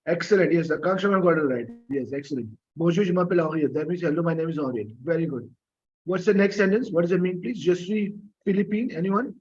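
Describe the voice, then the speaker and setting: A man's voice: a little high, fast, a little mellow, slightly rough, lo-fi sound. A man teaching an online French class, patiently coaxing students for answers, with many fillers and coughs. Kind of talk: live online class lecture.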